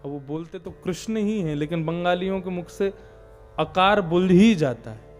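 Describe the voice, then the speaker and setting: A man with a fairly high voice gives an animated devotional discourse and now and then breaks into short sung chants. Faint sitar music plays softly underneath. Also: moderate pace. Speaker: katha preacher.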